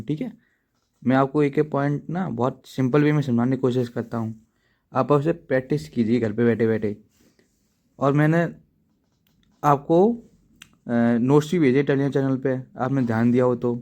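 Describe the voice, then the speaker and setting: Chatty man teaching coding, dark voice. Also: mid-range voice. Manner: chatty, repeats "ठीक है दोस्तों" often; self-deprecating asides to viewers. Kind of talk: casual tutorial explanation. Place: at home writing in a notebook.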